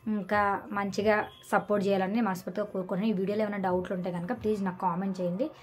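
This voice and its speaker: A woman's voice: mid-range voice, flat delivery, rapid-fire, slight background noise. A woman vlogger ranting in casual reaction commentary, scolding and sarcastic, often tossing in "okay?". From Telugu-speaking India.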